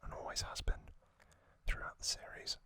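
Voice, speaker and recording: In a gentle, breathy whisper, a male ASMR host goes over a story, his phrases unhurried and halting as he stays near the microphone.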